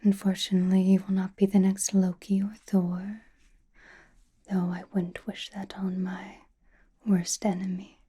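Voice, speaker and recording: A woman's voice: medium pitch, completely flat delivery. Woman acting out a whispering, enigmatic Scarlet Witch sorceress. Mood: probing, firm. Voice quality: soft breathy whisper. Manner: slow, deliberate, cryptic, addressing listener intimately. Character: enigmatic, knowing adult woman sorceress of chaos magic. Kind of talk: ASMR roleplay, whispered.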